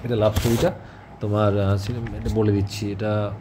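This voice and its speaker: A man teaching an exam-prep history lesson in a conversational way, often pausing to check that students follow. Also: on the low side, little pitch movement, noisy background. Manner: conversational, repeats "ঠিক আছে?" as a check-in, many fillers.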